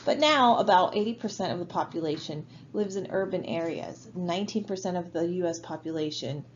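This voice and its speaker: A woman gives a recorded geography lecture from home, speaking in a low-pitched, conversational way full of fillers and "right?" checks. The sound is a little muffled and dull. A faint background hiss sits under her voice. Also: brisk. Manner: casual and conversational, many fillers and tag questions. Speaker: college geography instructor.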